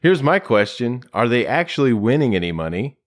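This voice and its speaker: A man's voice: mid-range voice, sing-song, a little fast. A man co-hosting a podcast in casual chat, wry and joking, swearing freely. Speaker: podcast co-host. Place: home, separate from co-host.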